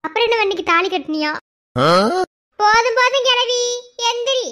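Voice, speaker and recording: A woman's voice: very high voice, animated, normal speed, pushed and bright, full character voice. A woman voicing a cheeky young village wife in a cartoon, with a Madurai accent, teasing and giggling. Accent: Madurai Tamil.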